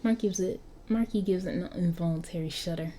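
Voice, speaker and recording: A woman with a Southern US accent reads an interactive story aloud, breaking off into chatty asides and tripping over words. Her voice is mellow and soft. A faint noise sits under the recording. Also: lowish voice, brisk. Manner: stumbles over words, laughs at herself. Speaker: story reader.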